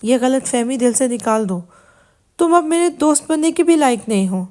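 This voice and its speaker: A woman's voice: high-pitched, expressive. A woman voicing an angry young man who speaks harshly in an audio novel. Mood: furious. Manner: harsh, shouting.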